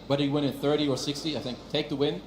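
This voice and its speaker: Fast-talking male analyst with crowd behind. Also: fairly high pitch, steady tone, reverberant. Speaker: esports analyst. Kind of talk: fast casual game analysis.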